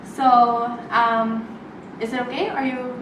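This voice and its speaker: A woman's voice: fairly high pitch, steady tone, slow. A young woman, leading a role-played group therapy session as student occupational therapist and giving friendly step-by-step instructions. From Philippines. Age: young adult. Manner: friendly, guiding instructions with frequent okays. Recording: roomy distant recording with background noise.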